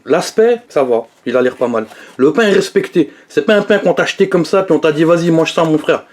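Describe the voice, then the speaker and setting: A young man talks straight to his viewers as he reviews fast food. His voice sits a little on the high side, and he keeps it loose and slangy, joking with the camera as he goes. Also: animated, darkish tone. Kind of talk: casual food review vlog.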